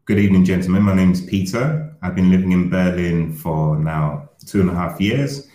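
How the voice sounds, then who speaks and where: A man's voice: sits low, fairly even intonation, normal speed, dark tone, roomy sound. A man from Uganda speaking as a podcast guest, sharing personal experiences in an earnest, reflective way. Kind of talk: casual personal discussion.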